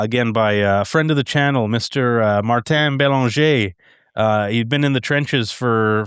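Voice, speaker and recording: A male podcast host, nasal from a cold, introducing the show in a relaxed way with frequent "uh" fillers. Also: mid-range voice, clear, resonant tone, dry recording, studio quality.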